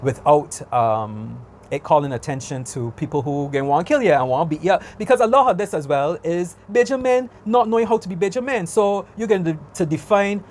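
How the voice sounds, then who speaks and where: A man's voice: a little high, brisk, few pauses, darkish tone, slight background noise. A man from Barbados with a Barbadian accent, ranting casually on his vlog, exasperated and emphatic, repeating his points. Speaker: vlogger. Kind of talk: casual rant.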